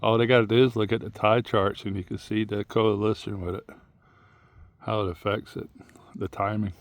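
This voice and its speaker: Male outdoor vlogger, low and gravelly, rambling and plain-spoken, thinking aloud on a walk. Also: flat delivery, normal speed, no room sound. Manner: musing, plain-spoken, drifting between thoughts. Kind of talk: rambling outdoor monologue while walking. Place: outdoors on a muddy tidal shore.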